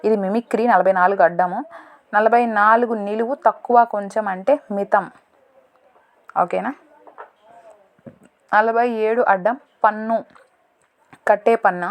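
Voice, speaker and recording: Woman thinking aloud through a word puzzle. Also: mid-range voice. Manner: thinking aloud, slow and deliberate, correcting herself. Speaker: teacher solving a crossword. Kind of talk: casual explanatory lesson.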